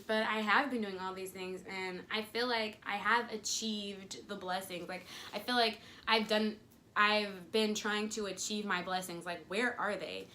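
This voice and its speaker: A woman's voice: mid-range voice, bright, forceful tone, slight background noise. A young woman talking earnestly to camera about her faith, chatty and casual, acting out little quoted voices as she goes. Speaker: faith vlogger. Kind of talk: casual devotional talk to camera.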